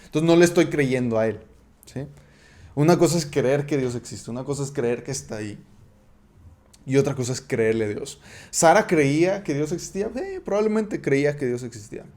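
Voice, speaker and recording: Mellow Mexican man teaching the Bible. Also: mid-range voice, lively intonation. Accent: Mexican Spanish. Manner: conversational, checks in with frequent tag questions; halting, with repeated restarts. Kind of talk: casual Bible study talk.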